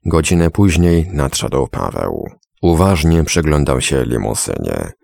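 A man giving measured, dramatic scripted narration of a story. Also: very deep voice, big pitch swings, vocal fry, darkish tone, no echo, clean studio sound. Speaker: audiobook narrator.

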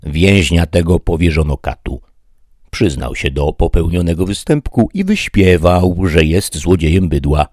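A man narrating an audiobook of a classic novel in an expressive, measured way. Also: deep voice, dry recording, clean studio sound.

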